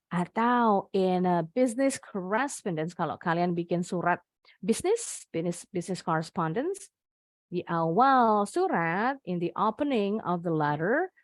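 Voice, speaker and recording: A woman's voice: lowish voice, dry recording. A young woman with an Indonesian accent teaching an online English lesson, patiently explaining each word in English and then Indonesian.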